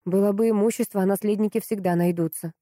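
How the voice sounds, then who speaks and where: A timid, sly woman friend with a faltering, whispery manner, as a woman narrator puts her on. Her tone is mellow and dark, recorded dry and close. Audiobook character reading. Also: mid-range voice, steady tone, fast, no room sound, natural voice. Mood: sober.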